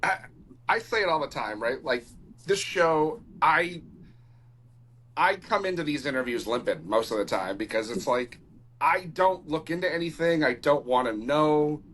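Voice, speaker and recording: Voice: mid-range voice, expressive, normal speed, fairly bright tone. A podcast host talking in a laid-back, casual way, full of "you know" and "right".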